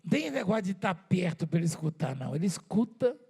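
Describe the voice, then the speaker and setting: Brazilian preacher guy, high voice, husky and crackly, chatty sermon w lots of repeats and questions to the crowd. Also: sing-song, fast, dark tone. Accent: Brazilian Portuguese. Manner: conversational preaching with rhetorical questions and repetition.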